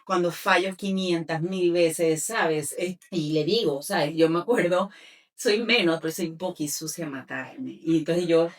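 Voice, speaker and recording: A woman's voice: fairly low pitch, a little slow, far from the mic. A woman sharing a personal testimony as an interview guest, with many fillers and restarts.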